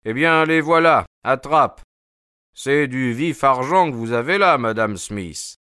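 A man voicing a shrewd gentleman detective in an audiobook, pitched a bit above his narrating voice. He speaks briskly with lively inflection, recorded dry and close. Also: smooth, no room sound. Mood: coaxing. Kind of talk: audiobook character voice.

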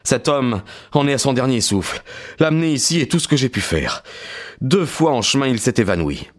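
A man reading an audiobook, voicing a distraught male school head who speaks in a hurried, pleading way. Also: medium pitch, sing-song, pitched above the performer's own voice, natural voice. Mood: frantic.

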